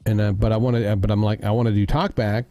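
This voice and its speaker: A man's voice: on the low side, level tone, quick pace, warm tone, no room sound, studio quality. A man hosting a casual gaming livestream, thinking aloud as he fiddles with his audio settings. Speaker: streamer host.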